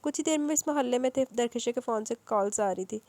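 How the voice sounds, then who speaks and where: Mellow-voiced woman reading a novel. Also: no echo. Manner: voices characters with raised emotional pitch. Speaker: novel narrator.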